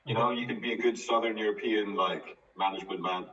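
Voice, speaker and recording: A man's voice: lowish voice, steady tone, brisk, a bit bright, a little hiss or hum. A teenage boy co-hosting a casual chat, teasing and laughing often. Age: late teens. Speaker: co-host. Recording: roomy, distant, dull sound.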